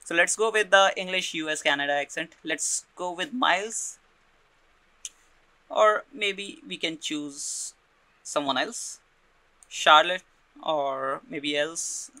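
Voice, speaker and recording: A man presenting a software tutorial, explaining step by step and often checking in with a quick "right?" while repeating his words. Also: on the high side, no room sound. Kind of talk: screen-recorded software tutorial.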